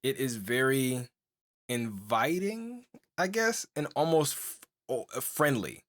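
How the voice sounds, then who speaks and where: A young man co-hosting a podcast talks slowly and expressively in a mid-range, fairly bright voice. It's casual chat, loose and meandering, full of "like," fillers, and restarts, with lots of laughing.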